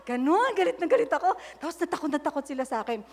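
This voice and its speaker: A woman's voice: sits high, animated, very fast, a little mellow. A middle-aged woman preaching a sermon, telling candid personal stories and breaking into prayer mid-sentence. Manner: candid storytelling mixing English and Tagalog, praying aloud mid-sentence. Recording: long hall reverb.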